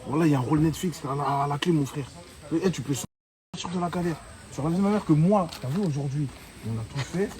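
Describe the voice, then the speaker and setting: A reality show contestant gives an earnest pep talk in rapid street slang. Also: male voice, fairly high pitch, a little mellow.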